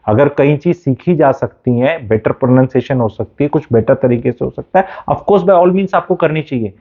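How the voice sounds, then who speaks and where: A man's voice: mid-range voice, moderate pace. A man giving a blunt, motivational talk as a communication coach, mixing Hindi with English phrases. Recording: phone-like narrow band.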